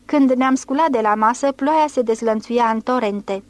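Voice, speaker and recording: A woman reading a classic novel aloud as an audiobook in an even, clear literary manner. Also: on the high side, dry recording. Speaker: audiobook reader. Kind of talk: scripted audiobook narration.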